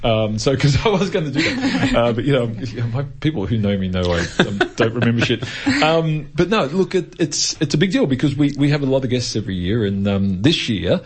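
A man's voice: mid-range voice, big pitch swings, fairly quick, hardly any pauses, a little hiss or hum. An Australian man hosting a science radio show, talking in a curious, informal, conversational way in a casual interview.

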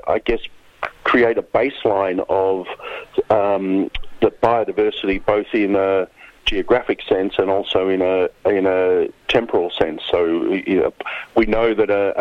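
A man's voice: on the low side, no room sound. An Australian man explaining science as an interview guest over the phone, hesitant and searching for words. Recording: dull phone line into radio studio.

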